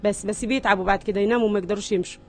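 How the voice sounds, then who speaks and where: A woman's voice: medium pitch, fairly even intonation, very fast, a little hiss or hum. A middle-aged Egyptian woman with an Egyptian Arabic accent, speaking in an earnest, weary and pleading way in a news interview. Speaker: mother interviewed about her sick children.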